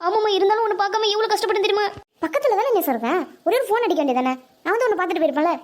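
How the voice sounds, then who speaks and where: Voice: very high voice, lively intonation, rapid-fire. A performer voicing a timid, anxious young village woman in a cartoon. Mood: pleading. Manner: anxious, pleading.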